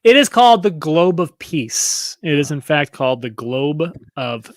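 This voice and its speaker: A man's voice: fairly high pitch, big pitch swings, a little slow, no room sound. A man hosting a trivia livestream, playfully teasing his contestant and reading out questions and chat comments. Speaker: trivia host.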